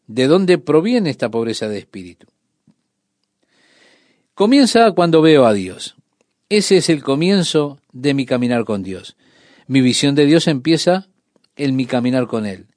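A man preaching a sermon on the radio, speaking in a measured, emphatic way and addressing the listener directly. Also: mid-range voice, a little mellow, no echo, clean studio sound.

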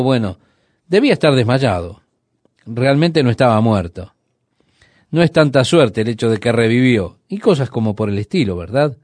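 Retelling a Bible story in a conversational style, a preacher asks his audience rhetorical questions and slows his delivery on the key sayings. His mid-range voice is a little mellow. The studio sound is clean, with no echo.

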